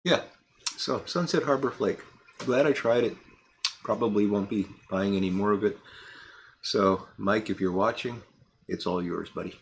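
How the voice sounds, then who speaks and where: A man in his fifties with a low, gravelly voice talks casually into a desk camera in his home workshop. He rambles candidly and restarts his sentences often. A faint room ambience sits behind him. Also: moderate pace, pauses often, slight background noise. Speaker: pipe tobacco reviewer.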